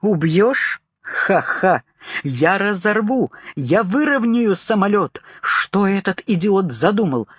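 A man's voice: high-pitched, expressive, takes it slowly, fairly bright tone, slightly rough, dry recording, voice pushed up, exaggerated voice. Man doing a defiant co-pilot, scornful, firm voice, audiobook, dry close sound. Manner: scornful, strengthening voice. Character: defiant grim male airline co-pilot.

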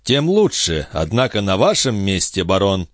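A man's voice: deep voice, moderate pace, dry recording, clean studio sound. A man doing a smug, imposing sorcerer. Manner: imposing, calm, casual.

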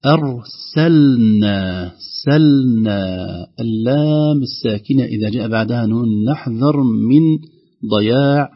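A man, a Quran recitation teacher, explains reading rules on the radio and slowly demonstrates words aloud. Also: medium pitch, breathy edge, lo-fi sound.

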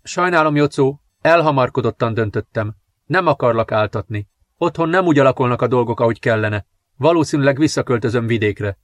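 A man voicing a gentle teenage girl who speaks softly and apologetically. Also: medium pitch, dry recording, lightly acted. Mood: apologetic. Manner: soft-spoken, apologetic.

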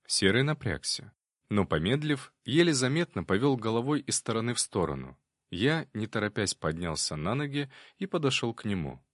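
A man reading an audiobook in calm, measured scripted narration. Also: lowish voice, no room sound, clean studio sound.

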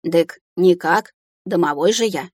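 A woman's voice: lowish voice, measured pace, a little mellow, husky, no room sound, clean studio sound. A woman reading an audiobook, voicing a stocky, shaggy male house spirit with a burring R and rustic, fussy speech. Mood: flustered. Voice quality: burring rolled R.

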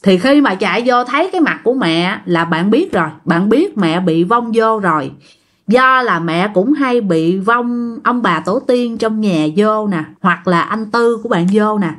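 A woman's voice: mid-range voice, expressive, measured pace, a bit bright. A woman telling a family ghost story in a chatty way, often speaking to her listeners. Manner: chatty, addresses listeners directly. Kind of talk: casual ghost story narration.

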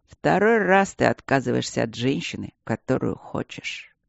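A man voicing a tipsy young man who mutters low to himself in an audiobook. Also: lively intonation, moderate pace, vocal fry, dry recording, dull audio. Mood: wry.

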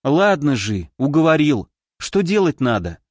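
A man voicing a suspicious, prickly young woman in an audiobook, sharp and grumbling. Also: on the high side, big pitch swings, unhurried, no echo, clean studio sound.

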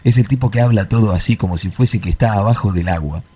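An Argentine man hosting radio banter in a husky smoker's rasp, through a watery underwater flanger effect. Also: lowish voice, fast, warm tone. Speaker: radio host.

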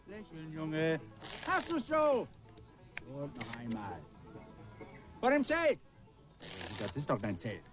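An actor playing a pushy, excitable newspaper reporter in a radio drama. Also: male voice, fairly high pitch, slow pace, long pauses, music in the background, exaggerated voice. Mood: coaxing.

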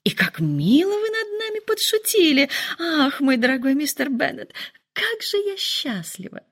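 Lady putting on a high shrill nervy mom, all dramatic complaining, swoops up and down. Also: sing-song, moderate pace. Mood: fretful. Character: fretful shrill middle-aged mother, nervous and excitable.

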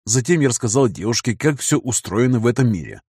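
Male audiobook narrator, first-person, casual wry telling, husky voice, dry close sound. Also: medium pitch, very animated, fast talker, a little mellow, no room sound.

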